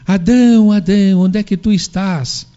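A man's voice: sits high, normal speed, warm tone, smooth, lightly acted. A man voicing God as a stern questioning father. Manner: calling, questioning. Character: God calling out, stern fatherly elder male. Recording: dull lo-fi recording.

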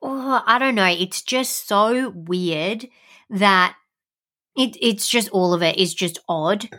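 A young woman co-hosting a podcast, talking in a relaxed, chatty way and leaning on filler words. Her voice is bright and clear, sitting at a middling pitch. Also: slow. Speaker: podcast co-host. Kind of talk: casual chat.

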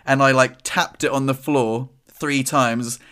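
A man co-hosting a podcast, chatting casually and telling lively stories full of acted-out quotes. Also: mid-range voice, a little slow. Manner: animated storyteller who acts out quotes. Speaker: podcast co-host. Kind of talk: casual chat.

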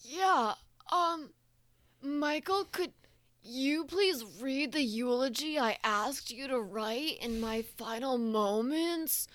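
A woman's voice: high-pitched, takes it slowly, fairly bright tone, no room sound. A woman voicing a brash, unbothered male ghost with a blunt, casual manner in improvised comedy. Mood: demanding.

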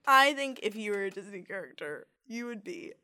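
A woman's voice: medium pitch, animated, fairly quick, a crowd in the background. A young woman hosting a casual podcast, giggly and teasing as she asks questions. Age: young adult. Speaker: podcast host.

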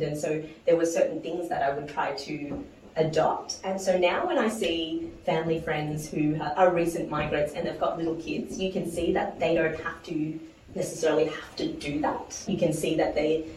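Low-pitched and a little mellow, a New Zealand woman is a guest investor in a conversational interview, reflecting aloud, laughing often and restarting phrases. The mic sits at a distance in an echoey room with slight background noise.

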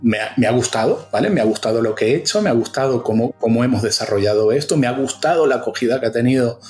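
A man's voice: mid-range voice, animated, fast, a little mellow, soft background music. A middle-aged man from Venezuela with a mixed Venezuelan and Canarian accent, talking enthusiastically as an interview guest and often adding tag questions. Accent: mixed Venezuelan and Canarian Spanish. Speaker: guest, agency founder. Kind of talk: casual interview.

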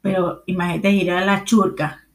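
A woman with a Venezuelan accent chatting casually as a podcast co-host, telling stories with lively acted-out quotes. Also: on the low side, moderate pace. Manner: animated storytelling, acts out quoted lines. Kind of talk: casual chat.

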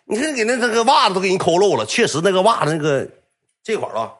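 Male storyteller, Northeastern Chinese accent, rambling and profane, slightly higher voice. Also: sing-song, fast talker, fairly bright tone. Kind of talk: comic anecdote storytelling.

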